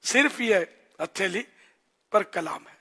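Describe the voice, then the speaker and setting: A man giving an earnest religious teaching in short, admonishing phrases with pauses, as a scholar answering questions. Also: high voice, lively intonation, pushed and bright, slightly rough. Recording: long hall reverb.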